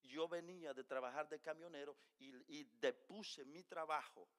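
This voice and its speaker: A middle-aged male pastor preaching a sermon, telling a personal story with emotion, dropping quiet and then rising loud. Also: a little high, normal speed.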